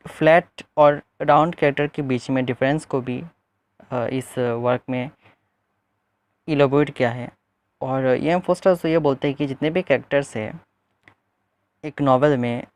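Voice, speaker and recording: A man walks his viewers through a book as a literature lesson. He calls them friends, restates each point and fills gaps with hesitant sounds, at a middling pitch. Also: unhurried, long pauses, no room sound. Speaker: literature teacher.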